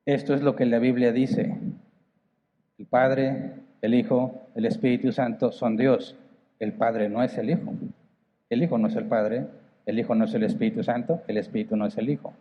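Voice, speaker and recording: A man's voice: medium pitch, steady tone, normal speed, long reverb tail, highs cut off. A man with a northern Mexican accent preaching a sermon as pastor, conversational, asking the congregation rhetorical questions. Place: church hall.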